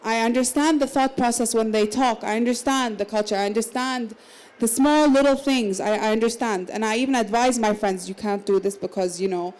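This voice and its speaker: Speaking briskly and with few pauses, this Emirati-raised woman in her thirties has a high-ish, darkish voice. As a guest on a literary salon panel at a book fair, she keeps things conversational, restarting here and there and laughing lightly.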